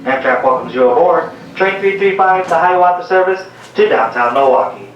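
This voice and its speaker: A man making a formal boarding announcement over the station loudspeaker in a large train station. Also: a little high, animated, normal speed, highs cut off. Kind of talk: public address announcement. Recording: echoey station PA from far off, noisy.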